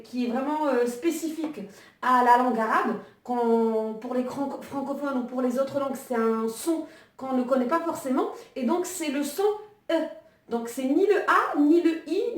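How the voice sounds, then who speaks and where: High-voiced woman teaching in an echoey room. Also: far from the mic. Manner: hesitant, many fillers and restarts while writing. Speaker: Arabic teacher. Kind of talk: online language lesson.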